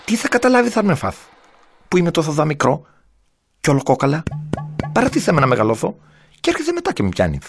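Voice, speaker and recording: A man's voice: a little high, huge pitch swings, creaky, pauses often, slight background noise, pitched above the performer's own voice, heavily acted. A man voicing a small, bony talking fish that pleads to be let go and then mocks the boy who caught it. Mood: pleading.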